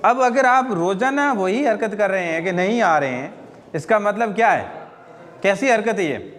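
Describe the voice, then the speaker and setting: A man's voice: high voice, lively intonation, moderate pace, a bit bright, in a large hall. A man teaching Hindi grammar in a classroom lecture, often asking his students questions and answering them himself. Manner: asks and answers own questions, repeats "ठीक है ना?".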